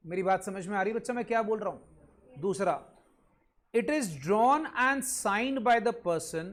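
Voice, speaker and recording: The voice sits high as this male commerce teacher delivers an online class in Punjabi-accented Hindi. Points get repeated, students get quizzed, and sometimes they get a scolding.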